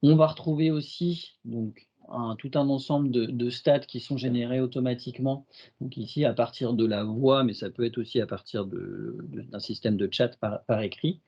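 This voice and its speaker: A man with a French accent walks through a software demo on a video call, stopping often on fillers and restarting his sentences. His voice sits at an ordinary pitch. The audio is dull and lo-fi, like a computer mic. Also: fairly even intonation, normal speed, gravelly, slightly rough. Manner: hesitant, many fillers and restarts. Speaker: IT consultant presenting a demo. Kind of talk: webinar product demo.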